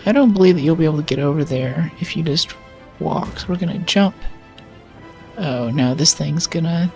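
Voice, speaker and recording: A woman's voice: sits low, normal speed, warm tone, faint music behind. A woman streamer talking casually through a video game, thinking aloud and chatty. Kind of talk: casual gameplay commentary.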